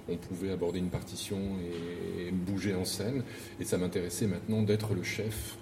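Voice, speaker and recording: A middle-aged man, an opera stage director, answering interview questions thoughtfully and often restarting his sentences. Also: deep voice. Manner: thoughtful, searching for words with many restarts. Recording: roomy, distant mic with noise.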